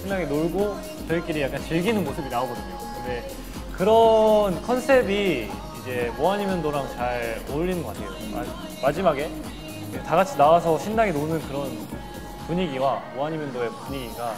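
A man's voice: fairly high pitch, expressive, moderate pace, over music. A young man chatting casually with his bandmates on a studio set. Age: young adult. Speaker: group member on a live show. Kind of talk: casual group chat. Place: studio set styled as a locker room.

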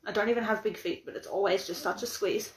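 The audio is poor, and the woman talks fast at a medium pitch. She's a young vlogger with an Australian accent, giggling and rambling casually while unboxing an item on a phone live stream indoors in her cramped, cluttered bedroom, the phone propped against a mug.

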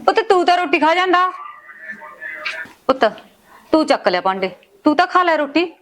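A woman's voice: very high-pitched, very animated, normal speed, fairly bright tone, slight background noise, exaggerated voice. A woman playing a worried rural mother who pleads with her children and confronts her husband over their daughter's match. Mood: coaxing. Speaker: mother in a family drama. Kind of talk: village short-film acting.

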